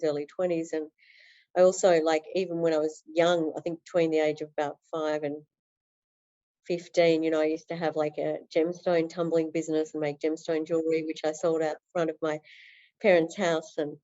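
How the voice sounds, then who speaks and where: A woman's voice: sits low, little pitch movement, normal speed, mellow, highs cut off. A woman talking earnestly as a podcast guest in a flowing interview, with many fillers. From Australia. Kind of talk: interview conversation.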